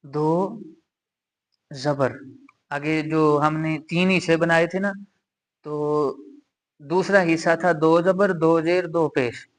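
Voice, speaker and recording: A man with a Pakistani Urdu accent teaching a Quran reading lesson, patiently repeating each rule and reciting examples slowly. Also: on the high side, steady tone. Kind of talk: slow explanatory lesson.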